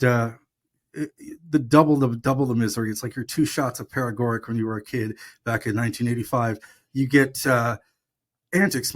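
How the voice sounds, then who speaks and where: A middle-aged man, a radio DJ, chatting casually and enthusiastically about records with lots of fillers. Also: medium pitch. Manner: rambling, enthusiastic, many fillers. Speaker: radio DJ and podcast co-host. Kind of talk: casual chat.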